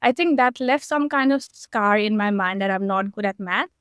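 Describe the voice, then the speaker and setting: A woman's voice: medium pitch, moderate pace, fairly bright tone, smooth, dry recording, studio quality. A woman in her twenties from Nepal, answering interview questions in an earnest, encouraging way. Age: 20s. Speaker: guest.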